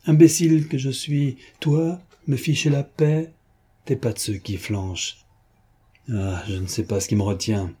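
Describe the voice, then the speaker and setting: A man voicing a mocking, boyish gentleman thief who talks to a young man in a teasing, patronizing way. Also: mid-range voice, fairly even intonation, a little slow, husky, pitched above the performer's own voice.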